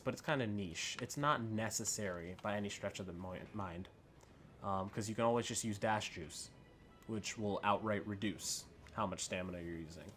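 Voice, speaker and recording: A man with a fairly low voice hosts a gaming video over background music. He talks casually and without a script, rambling a little and thinking aloud as he reviews things. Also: a bit bright. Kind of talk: casual unscripted gameplay commentary. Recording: music under the voice.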